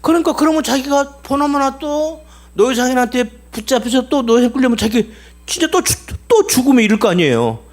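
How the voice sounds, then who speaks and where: A man's voice: extremely high pitch, a little fast, hardly any pauses. A man preaching a sermon, telling a story with many repetitions and questions to the congregation. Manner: animated, repeats himself, asks the congregation questions. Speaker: pastor.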